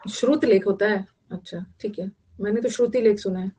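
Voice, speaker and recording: A woman's voice: mid-range voice, fairly even intonation, fairly quick, mellow, husky. A young adult woman with an Indian accent teaching vocabulary online, explaining in Hindi mixed with English and repeating key words.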